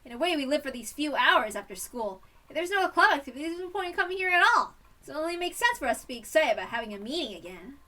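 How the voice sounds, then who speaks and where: A woman reading a visual novel aloud in an animated, expressive way, a bit off-mic. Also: high-pitched, fast talker, recorded from a distance. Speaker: reader.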